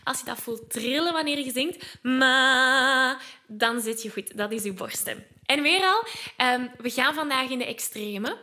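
A woman's voice: a little high, expressive, moderate pace, pushed and bright. A woman hosting a podcast singing lesson, coaching in an upbeat, encouraging way. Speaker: singing teacher and podcast host.

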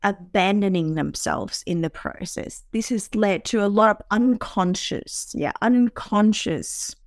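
A Vietnamese podcast host, speaking at a measured pace in a mid-range voice, reflects searchingly on her own life with fillers and restarts. The audio is studio quality with no echo.

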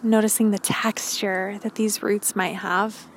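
A woman podcast host leading a calm grounding meditation, giving gentle, encouraging instructions. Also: medium pitch, measured pace, slight background noise.

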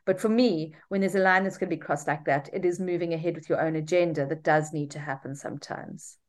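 A middle-aged woman, a mother of three, co-hosting a casual podcast in an animated, reflective way that often repeats words. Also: deep voice, fairly quick. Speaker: podcast co-host.

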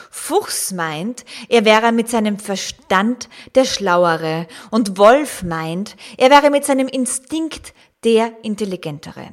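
A woman's voice: fairly high pitch, pitched above the performer's own voice. A woman voicing a young male hare acting as referee who formally announces the rules of a duel.

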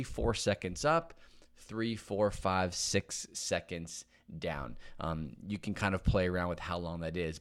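A man with a fairly low voice coaches listeners through gym work in a relaxed podcast monologue. He talks as if chatting with a friend, doubling up words for emphasis and often pausing to ask "okay?" along the way. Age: adult with young kids. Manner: conversational, repeats words for emphasis, checks in with "okay?". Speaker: podcast host and back-pain fitness coach. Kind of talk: casual instructional podcast monologue.

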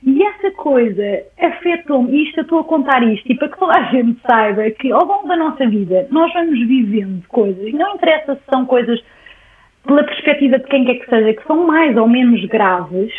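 A woman with a European Portuguese accent, telling a personal story on a podcast in an expressive way and often repeating words as she searches for them. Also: high-pitched, a little fast. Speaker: podcast guest. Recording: tinny phone-like line.

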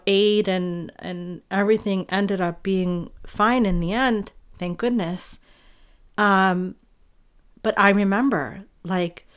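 Young mother for an earnest, heartfelt monologue; medium pitch, smooth tone. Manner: earnest, reflective, with many fillers and restarts. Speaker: parent sharing a personal story.

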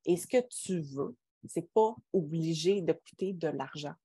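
A woman with a somewhat low voice and a Quebec French accent, in casual podcast conversation. She is emphatic and colloquial, often putting questions to the listener. The sound is close and dry. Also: a little slow, dark tone, breathy edge, no room sound. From Quebec, Canada.

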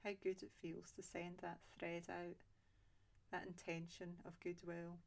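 Calm, low-pitched woman guiding meditation. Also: gravelly. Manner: slow, soft and calm with long pauses. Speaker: meditation guide. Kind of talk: guided loving-kindness meditation.

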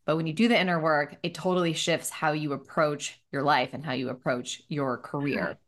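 A woman with a somewhat low voice hosts a podcast conversation. She talks emphatically and keeps affirming her guest. Her tone is casual and conversational. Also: steady tone, moderate pace. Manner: emphatic, affirming, repeats "so good". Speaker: podcast host.

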